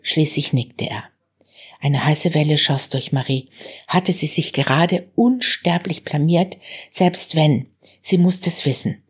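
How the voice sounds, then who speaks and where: Female author reading her novel aloud; low, husky voice, calm storytelling. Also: slow pace. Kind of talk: literary reading on stage.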